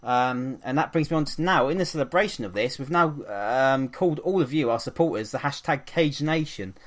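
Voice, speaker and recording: A man's voice: fairly high pitch, animated, brisk. Chatty male podcast host, full of ums. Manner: chatty, upbeat, with frequent ums. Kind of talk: casual podcast chat.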